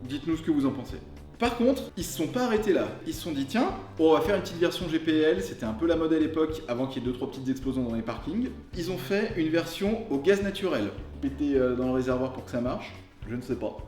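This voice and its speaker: A man presents a car review in a jokey, colloquial style. His voice sits a little high. The sound is somewhat roomy and echoey, with music playing underneath. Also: lively intonation, fast, darkish tone. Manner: jokey, colloquial, tongue-in-cheek. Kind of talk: casual car review to camera.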